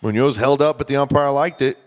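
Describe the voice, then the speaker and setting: A male baseball announcer with a mid-range voice, calling each pitch in an even, conversational way. Between plays he explains the strategy, keeping a relaxed, steady flow. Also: brisk. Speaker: play-by-play announcer. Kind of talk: baseball commentary.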